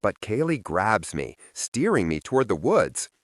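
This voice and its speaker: A man narrating a first-person audiobook in a wry, expressive storytelling manner, close to the microphone. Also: lowish voice, unhurried, dry recording.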